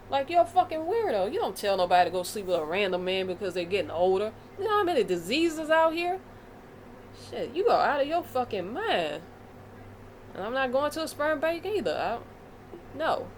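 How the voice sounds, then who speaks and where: A woman's voice: fairly high pitch, slight background noise. Blunt, fired-up woman ranting on camera. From United States. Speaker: vlogger. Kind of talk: casual commentary rant.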